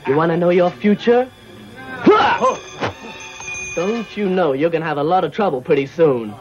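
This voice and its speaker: An actor playing a cheerful old beggar fortune-teller in a dubbed martial arts film, boastful and persuasive like a street hawker. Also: male voice, on the high side, moderate pace, close to an everyday voice. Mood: hawking. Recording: muffled old film dub with music.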